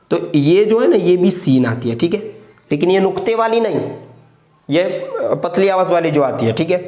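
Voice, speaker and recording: A man teaching how to write letters and words, speaking patiently, repeating words slowly and checking in with his students as he writes. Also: a little high, darkish tone. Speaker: Urdu writing teacher. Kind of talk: spoken lesson explaining letters while writing. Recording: echoey, muffled lo-fi room recording.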